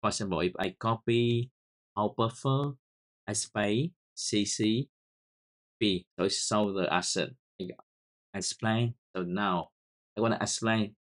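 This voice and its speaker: A Vietnamese-accented man who speaks English as a second language hosts a screen-recorded coding tutorial in a lowish voice. He's halting and often repeats words as he types key commands.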